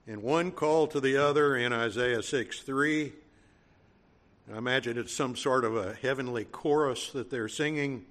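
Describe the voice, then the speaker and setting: A Cajun man delivers a sermon at an unhurried pace. His voice sits at a middle pitch, and he builds emphasis by repeating words in a calm, teaching manner. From Louisiana. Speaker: preacher.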